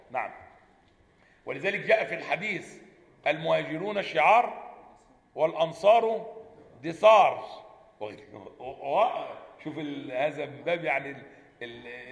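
A man's voice: fairly high pitch, vocal fry, fairly bright tone. A man with an Egyptian accent giving a religious lesson that explains hadith. He poses rhetorical questions and answers them himself, and he moves between formal Arabic and Egyptian colloquial. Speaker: sheikh teaching a book on funeral rulings. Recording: echoey hall with long reverb.

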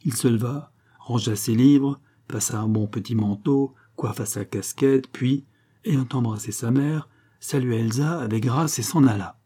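Dark-voiced, husky male narrator. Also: medium pitch, measured pace. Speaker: audiobook narrator. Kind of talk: scripted narration.

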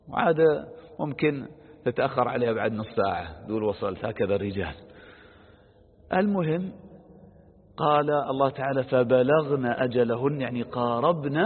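A man's voice: mid-range voice, husky. A man teaching a religious lesson on verses of scripture. He poses questions aloud, answers them with everyday examples, and lifts his voice on the quoted verses. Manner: stresses quoted verses with a raised voice. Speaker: Quran exegesis teacher. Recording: lo-fi phone-like sound with long reverb.

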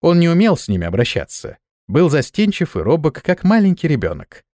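A male audiobook narrator with an animated, lively delivery. His pitch rises and falls freely as he tells the tale. The recording is dry and close. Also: brisk, no room sound.

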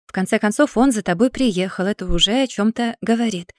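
A woman's voice: medium pitch, a little fast, darkish tone, no room sound, studio quality, lightly acted. A woman voicing a stern, patient older brother in an audiobook, talking firmly and lecturing. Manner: firm, lecturing.

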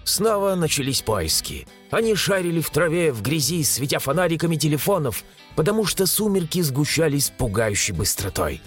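A man narrating a story in an expressive, suspenseful audiobook style. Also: on the high side, normal speed, soft background music.

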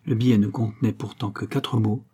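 A man narrating a classic novel as an audiobook, in a measured literary reading. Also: lowish voice, fairly even intonation, mellow, slightly rough.

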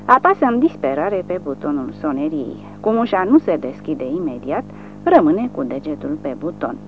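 An audiobook narrator reads with a dramatic delivery and a lively, swinging pitch. The recording is thin and phone-like, with faint music in the background.

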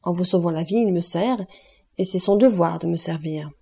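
Lady reading as a cool masterful nobleman, mellow husky tone, calm and in charge. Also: fairly low pitch, moderate pace. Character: commanding aristocratic male count, composed and masterful.

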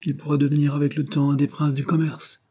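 A male audiobook narrator voicing a middle-aged husband who speaks in a measured, hesitant way. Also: a little high, completely flat delivery, dark tone, voice pushed up.

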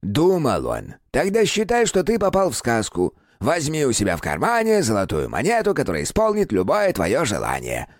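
A man voicing a small, furry, ancient house spirit in an audiobook, creaky and grumbling, teasing the boy he talks to. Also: medium pitch, huge pitch swings, normal speed, few pauses, dry recording, studio quality, voice pushed up. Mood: grumpy. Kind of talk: audiobook character voice.

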